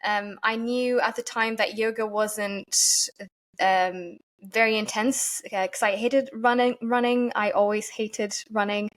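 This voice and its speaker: This podcast guest is a yoga teacher from Portugal whose mid-range voice holds a steady tone. She gives earnest, thoughtful interview answers, often pausing to find her words.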